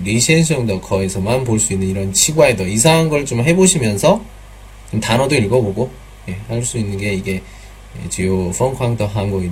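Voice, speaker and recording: In a live online class, a man with a lowish voice patiently repeats drill sounds while teaching pronunciation, mixing in some Chinese words. There is a little hiss or hum.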